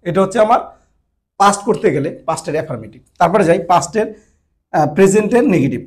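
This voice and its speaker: A man with a fairly high, light voice teaches a grammar lesson. He repeats each rule several times and keeps checking that his listeners follow. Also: expressive, quick pace. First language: Bengali. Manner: repetitive, checks understanding often. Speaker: Japanese language teacher. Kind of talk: classroom-style grammar lesson.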